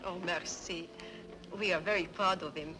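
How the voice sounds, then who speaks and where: A woman's voice: on the low side, fairly even intonation, normal speed, lightly acted, rough recording. A woman playing a polite French mother. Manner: polite, gentle. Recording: old TV soundtrack with music behind.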